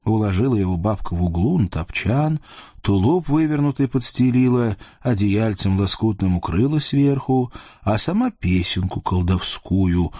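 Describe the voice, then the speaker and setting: A man's voice: fairly low pitch, animated, normal speed, dark tone, dry recording, studio quality. A man narrating a fairy tale in a playful, folksy way, addressing the readers. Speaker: storyteller. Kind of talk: expressive audiobook narration.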